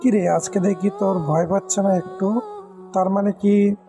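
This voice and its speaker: A woman's voice: mid-range voice, fairly even intonation, moderate pace, music in the background, voice pushed down, natural voice. A woman voicing a swaggering young male college bully who talks in a taunting, bossy way, in an audio story.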